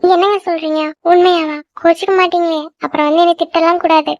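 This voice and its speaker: A woman voicing a young cartoon girlfriend who pleads softly and is quick to apologize. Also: very high voice, little pitch movement, no room sound. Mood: teasing. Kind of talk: cartoon voice acting. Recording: dull lo-fi dry recording.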